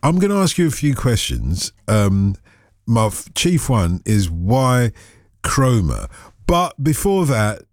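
A man's voice: medium pitch, sing-song, slow, darkish tone, no room sound, clean studio sound. An older man hosting a radio phone-in show, joking and chatting playfully with callers. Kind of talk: late-night radio phone-in chat. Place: radio studio.

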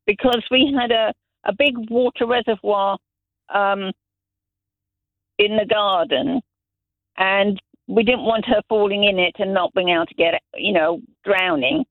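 A high, expressive voice with vocal fry belongs to a middle-aged Zambian radio caller who speaks unhurriedly. The telephone line is tinny and dry with no room sound, and his casual chat drifts through rambling anecdotes with many restarts.

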